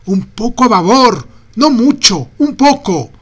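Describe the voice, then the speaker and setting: A man reading aloud and voicing a brusque young male sailor who shouts orders and curses at the helm. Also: on the high side, lively intonation, moderate pace. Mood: shouting orders.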